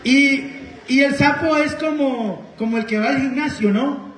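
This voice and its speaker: A man's voice: very high-pitched, measured pace, fairly bright tone. A man with a Honduran Spanish accent preaching a sermon, asking the congregation questions and telling personal stories. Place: church hall. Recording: echoey church hall.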